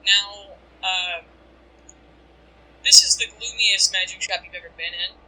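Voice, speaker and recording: A game master runs a tabletop session, describing scenes and rulings in a loose, chatty ramble full of fillers. The voice is very bright and sits at a middle pitch. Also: unhurried, rough recording.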